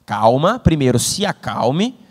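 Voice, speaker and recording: Calm male actor giving advice, voiced by a man, soothing, reverberant hall. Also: medium pitch, unhurried, pitched below the performer's own voice.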